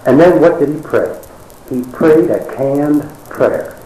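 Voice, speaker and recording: A man preaching a sermon in a wry, conversational storytelling manner with dramatic pauses. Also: on the high side, expressive, mellow, echoey room, poor audio.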